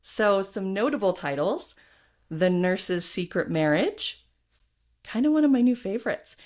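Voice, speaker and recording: A woman's voice: mid-range voice, animated, unhurried, a little mellow. A woman co-hosting a podcast, asking questions in a bubbly, giggly way. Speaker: podcast co-host. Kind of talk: casual interview chat.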